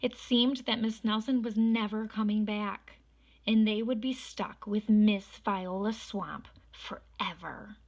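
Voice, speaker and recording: A woman reading a children's storybook aloud in expressive narration. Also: mid-range voice, slow. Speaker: storybook reader.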